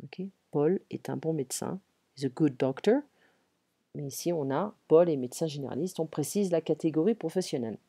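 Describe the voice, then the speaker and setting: A woman's voice: deep voice, fairly quick, vocal fry, few pauses, mellow, breathy edge. A French woman teaching a one-on-one grammar lesson, patiently reading out example sentences and checking for understanding.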